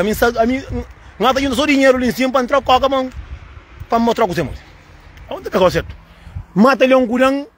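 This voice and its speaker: A man's voice: very high-pitched, fairly bright tone. A man with a Cape Verdean accent, speaking in an emphatic, repetitive casual monologue to the camera and often calling the listener "moço". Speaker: channel host.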